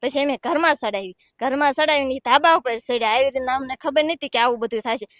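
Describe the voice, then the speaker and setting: A woman's voice: high voice, fast, a bit bright, no echo, clean studio sound. A young woman giving distressed, pleading testimony to a reporter. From Gujarat, India. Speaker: villager interviewed. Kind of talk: emotional testimony.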